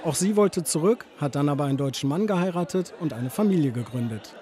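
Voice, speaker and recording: A man reading a scripted news voice-over, his voice pitched a little high. He narrates in a measured, even way, letting each sentence land before the next. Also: a faint crowd. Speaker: TV reporter.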